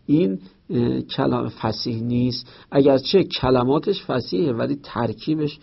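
Male teacher, gravelly voice, explains a textbook with homely examples; slightly dull recording. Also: mid-range voice. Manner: explains with everyday examples and reads out Arabic text.

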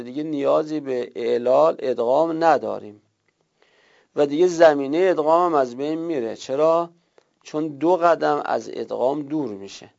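A man's voice: mid-range voice, vocal fry, a little mellow. A man teaching a grammar class who explains step by step, repeating and rephrasing each rule. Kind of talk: lecture on Arabic verb morphology. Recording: lo-fi muffled recording.

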